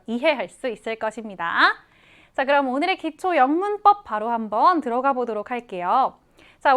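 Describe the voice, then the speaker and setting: A woman teaching English vocabulary to students, explaining each word slowly and clearly and repeating example readings. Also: high-pitched, a bit bright.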